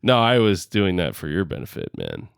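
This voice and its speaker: A man's voice: sits low, huge pitch swings, moderate pace, gravelly, clean tone, dry recording. Male podcast co-host, chatty rambling storyteller, dry close mic. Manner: rambling, self-correcting storyteller. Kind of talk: casual chat. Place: home, separate from co-host.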